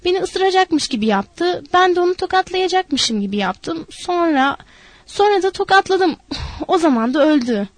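A woman voicing a huge, simple-minded, childlike man who speaks in a plaintive, halting way for an audiobook. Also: very high voice, lively intonation, dry recording, pitched above the performer's own voice. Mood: sorrowful. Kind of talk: audiobook character voice.

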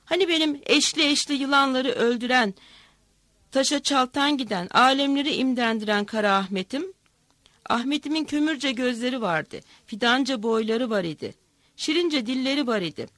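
A woman voicing a fierce, grieving old village woman who shouts her defiance in a storybook reading. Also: sits high, lively intonation, moderate pace, no echo. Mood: grieving, shouting.

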